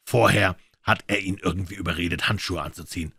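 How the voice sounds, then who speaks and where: A man's voice: low-pitched, steady tone, fast, sharp tone, dry recording, clean studio sound, exaggerated voice. A man voicing a suave, amiable and mocking male detective in a crime audiobook. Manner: smooth, amiable, ironic.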